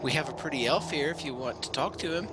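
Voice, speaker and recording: A man's voice: a little high, fast, noisy background. A man playing a tabletop role-playing game, chatting casually and partly speaking in character. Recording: music behind the voice.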